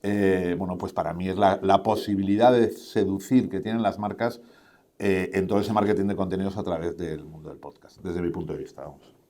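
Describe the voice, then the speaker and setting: Low-voiced man, rambling panel answer. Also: fairly even intonation, fairly quick, dark tone. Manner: rambling, many fillers and tag questions. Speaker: panel speaker on podcasting and advertising. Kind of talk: conference talk answering questions. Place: conference stage.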